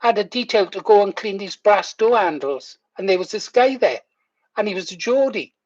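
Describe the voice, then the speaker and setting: A man's voice: high-pitched, lively intonation, normal speed. A man over sixty, chatting casually to viewers as he hosts a livestream. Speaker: livestream host. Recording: muffled, echoey room.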